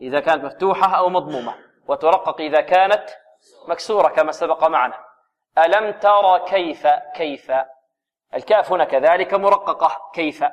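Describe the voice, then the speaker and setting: A man teaching Quran recitation, chanting verses slowly, then explaining the rules and quizzing his class with rhetorical questions. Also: a little high, dull audio. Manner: drills students with rhetorical questions. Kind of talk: chanted recitation and grammar lesson.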